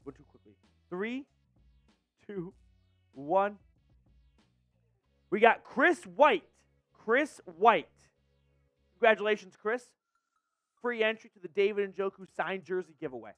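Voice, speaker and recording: An excitable man hosts a live fan watch party, calling each play and rallying his chat. His voice sits high. He is recorded dry and close, with faint music underneath. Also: slow pace, pauses often, no echo. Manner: excitable, hypes chat and reads super chats. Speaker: fan channel host doing live play-by-play.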